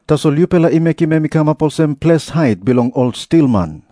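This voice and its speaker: A man's voice: a little high, expressive, a little fast, dark tone, dry recording, lightly acted. Papua New Guinean man acting an authoritative religious teacher. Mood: stern, rebuking. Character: authoritative male religious teacher, earnest and admonishing. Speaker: voice actor in dramatised scripture reading. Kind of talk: dramatised scripture reading in Tok Pisin.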